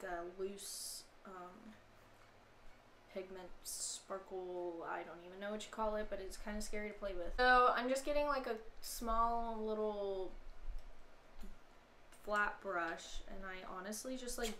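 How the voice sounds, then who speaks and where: A young woman chatting casually as she talks through a makeup tutorial step by step, giggly and relaxed. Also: medium pitch, measured pace. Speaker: makeup vlogger. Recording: echoey room with clear background noise.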